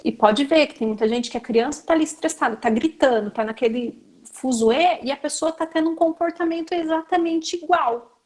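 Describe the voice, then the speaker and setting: A woman's voice: sits high, fairly quick, a little mellow. A Brazilian woman with a Brazilian Portuguese accent, teaching a class to educators in a chatty, conversational way and often turning to her listeners. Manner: chatty, addresses the audience directly with frequent fillers. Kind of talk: conversational lecture.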